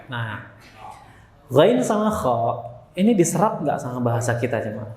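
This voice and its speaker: A man's voice: mid-range voice, sing-song, moderate pace, darkish tone, roomy sound. A man teaching Quran recitation to a congregation, playful and laughing often, chanting Arabic sounds for the group to repeat.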